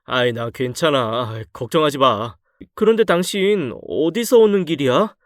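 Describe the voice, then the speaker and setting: A man's voice: on the high side, expressive, dry recording, lightly acted. Storybook drama: a man as a sullen, belligerent con-artist husband, dry close sound. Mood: evasive. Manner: drawling, slow and sulky. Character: lying conman husband, sullen and defensive.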